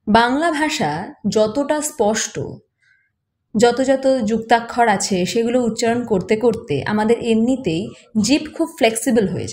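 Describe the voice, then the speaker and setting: A woman with a Bengali accent and a fairly high voice talks learners through pronunciation. She is patient, repeats sounds slowly and keeps a casual, encouraging lesson tone. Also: a little mellow. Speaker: French teacher, podcast host. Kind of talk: informal language lesson.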